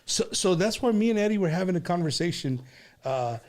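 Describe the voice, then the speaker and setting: A man's voice: high voice, expressive, brisk, darkish tone. A man hosting a casual, bantering interview, informally slipping Spanish slang into English and repeating words in bursts. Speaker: show host.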